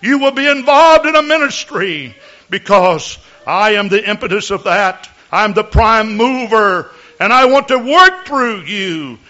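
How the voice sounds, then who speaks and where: A man's voice: high voice, expressive, measured pace, sharp tone. A man preaching in a Pentecostal church, solemnly proclaiming prophecy in archaic biblical phrasing. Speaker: preacher, pastor. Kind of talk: Pentecostal church sermon and exhortation. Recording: dull, lo-fi church recording.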